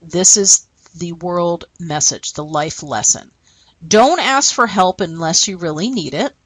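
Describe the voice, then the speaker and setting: Lively woman teacher explaining a lesson. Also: lowish voice, a little slow, breathy edge, no room sound, low-quality recording. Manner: explanatory, checks in with "okay?". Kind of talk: recorded classroom lesson.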